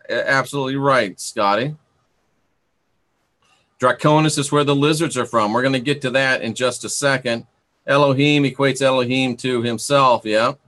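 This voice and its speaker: On his esoteric talk livestream, a man with a mid-range, slightly bright voice muses aloud to viewers. The talk is informal, rambling and opinionated, and he repeats points to drive them home.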